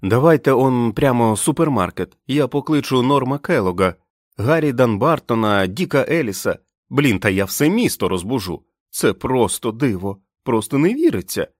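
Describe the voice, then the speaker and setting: A man voicing a jittery, excitable young male sentry who babbles eagerly in an audiobook. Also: mid-range voice, normal speed, no room sound, clean studio sound, pitched above the performer's own voice. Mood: excited.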